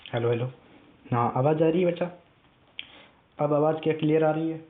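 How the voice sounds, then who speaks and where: A man's voice: fairly high pitch, moderate pace. A male teacher with a strained, weak voice giving an online lesson, drilling words over and over in call-and-response with his students. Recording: tinny phone-like audio.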